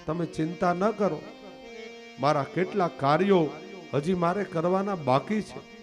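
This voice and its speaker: Man putting on krishna, tender young divine son, affectionate and urging, slow and measured, faint instrumental music behind. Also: sits high. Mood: reassuring. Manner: pleading, affectionate, urging haste.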